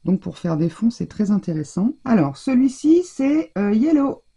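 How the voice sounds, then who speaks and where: Gravelly, dark-voiced woman demonstrating crafts. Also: fairly high pitch, sing-song, moderate pace. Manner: talks straight to viewers while working, restarts and trails off. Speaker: craft tutorial host. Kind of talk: chatty hands-on craft demonstration.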